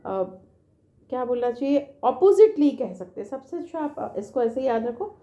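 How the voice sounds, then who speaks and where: A woman's voice: high-pitched, sing-song, warm tone, reverberant. A woman teaching English vocabulary in a patient, repetitive way, speaking with an Indian English accent and checking in with tag questions after each point. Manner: slow, patient, repeats each word and its spelling; ends phrases with tag questions. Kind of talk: vocabulary lesson in Hindi mixed with English.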